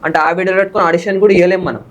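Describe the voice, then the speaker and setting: A young man, a content creator in a casual interview, talking fast and excitably. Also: sits high. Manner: fast, excitable, bursts into loud dramatic dialogue delivery. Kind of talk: casual interview with acted film dialogue.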